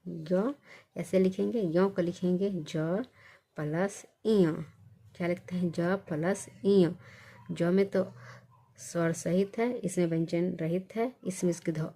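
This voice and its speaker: A woman teaching a basic reading lesson, asking questions and answering them herself, repeating each sound slowly. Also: lowish voice, mellow.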